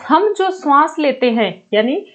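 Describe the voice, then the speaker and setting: High-voiced woman teaching a grammar lesson. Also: expressive, measured pace. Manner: explains patiently, repeats and asks questions back to students. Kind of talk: online Hindi grammar lesson. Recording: dull lo-fi recording.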